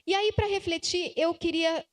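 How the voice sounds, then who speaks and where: High-voiced Brazilian woman in a reverberant church hall. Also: steady tone. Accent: Brazilian Portuguese. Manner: slow emphatic advice with acted-out dialogues. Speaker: conference speaker. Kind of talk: church family conference talk.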